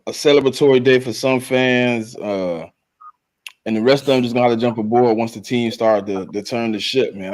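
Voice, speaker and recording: A man co-hosting a casual sports podcast, talking in a slangy, laid-back way. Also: fairly low pitch. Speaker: podcast co-host.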